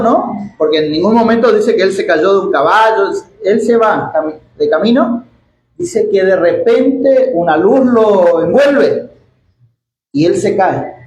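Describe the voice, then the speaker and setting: A man from Argentina preaching a sermon with an Argentine accent, reading scripture slowly and asking many rhetorical questions. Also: high-pitched, darkish tone. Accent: Argentine Spanish. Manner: reads scripture slowly and stretches out the quoted words. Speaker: pastor. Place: church hall. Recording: echoey church hall, faint background noise.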